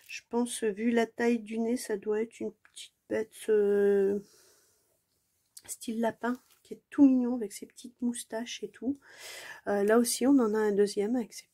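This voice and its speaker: A woman with a fairly high, warm, husky voice unboxes a craft kit at home for her diamond painting vlog. She chats casually with viewers, exclaiming often, using lots of fillers and playfully mocking herself.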